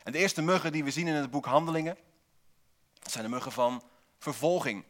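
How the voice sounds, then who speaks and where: A man's voice: a little high, brisk. Man preaching a sermon, repeating key words. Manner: builds points with repeated single words and rhetorical questions; wry asides to the congregation.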